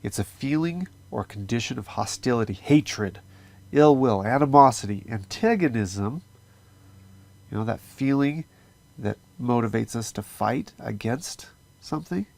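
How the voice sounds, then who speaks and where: A man's voice: mid-range voice, lively intonation, a little slow, creaky, a little mellow. A man giving an earnest, conversational scripture lesson, with fillers as he explains. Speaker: religious teacher. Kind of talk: casual scripture teaching.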